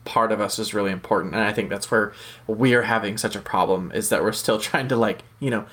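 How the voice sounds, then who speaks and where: A man's voice: lowish voice, fairly quick, a bit bright, slightly rough. A man co-hosting a podcast, telling a rambling story with jokey asides in casual chat. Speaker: podcast co-host.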